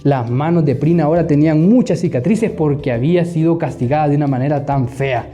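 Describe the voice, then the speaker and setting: A man tells a children's Bible school story, animated and often asking the children questions. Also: a little high, fairly quick.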